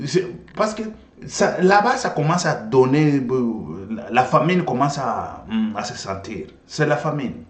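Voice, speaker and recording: A man's voice: medium pitch, animated, measured pace. A man hosting political commentary, talking emphatically and addressing his viewers directly. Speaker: host commentator. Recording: roomy echo.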